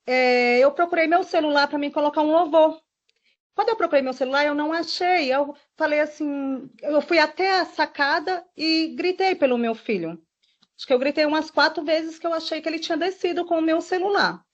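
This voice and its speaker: A woman giving a witness statement, retelling events in an emotional, rushed way with quoted dialogue. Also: sits high. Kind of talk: recounting events in a formal statement. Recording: dull lo-fi recording.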